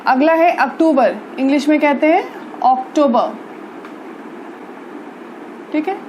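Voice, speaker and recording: Woman teacher with a high voice and unhurried delivery, spelling words out patiently over faint background noise. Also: darkish tone, dull audio. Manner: slow, patient, spells words letter by letter and repeats "theek hai". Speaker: English teacher. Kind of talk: spoken English lesson in Hindi.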